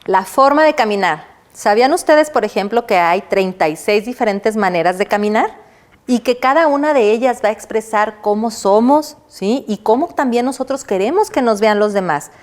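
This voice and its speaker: A university lecturer from Mexico who teaches a recorded class, asking the class questions and answering them herself, and checking in with "¿sí?". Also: female voice, fairly high pitch, expressive, normal speed. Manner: checks in with the listener by adding "¿sí?"; demonstrates walking and a pencil exercise while she talks.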